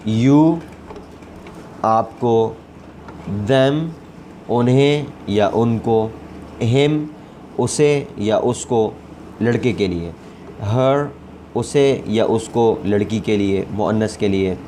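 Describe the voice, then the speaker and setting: A man's voice: mid-range voice, dark tone, slight background noise. A man teaching English vocabulary, repeating each word several times before giving its meaning. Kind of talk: vocabulary lesson with repetition drills.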